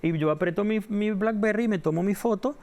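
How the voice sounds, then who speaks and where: A man's voice: a little fast, a little mellow. A middle-aged man from Venezuela, a reporter guest in an interview, telling anecdotes with animation and acting out the people in them. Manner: acts out the voices in his anecdotes, jumping up in pitch.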